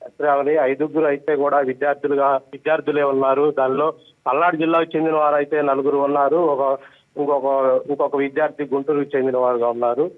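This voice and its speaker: A male news correspondent giving a live report, halting with frequent filler sounds. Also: fairly high pitch, flat delivery. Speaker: special correspondent. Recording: tinny phone line.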